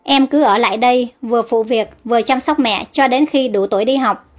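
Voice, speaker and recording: A woman voicing a kind young noblewoman who gives gentle but brisk orders in a storybook. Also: on the high side, soft background music, close to an everyday voice. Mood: kindly brisk.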